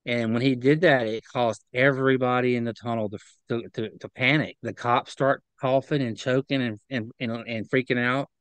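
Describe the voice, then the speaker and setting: A man's voice: medium pitch, steady tone, a bit bright, clean tone, no echo, poor audio. A man giving a guest's testimony over a video call, speaking earnestly and stumbling over repeated words. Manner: earnest, halting, repeats words when upset. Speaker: interview guest. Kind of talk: remote interview testimony.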